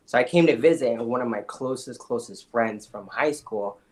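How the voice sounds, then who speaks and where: A young man from the Dominican Republic, telling his life story as a podcast guest in an energetic, emphatic way. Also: medium pitch, normal speed, a little hiss or hum. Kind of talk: casual interview storytelling.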